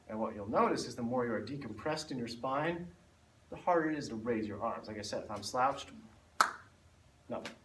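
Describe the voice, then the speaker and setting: A man's voice: on the low side, a bit bright. A man teaching a spinal stability class, explaining and demonstrating the exercises while a little out of breath. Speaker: instructor. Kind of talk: fitness class instruction. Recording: echoey room, mic far off, faint noise.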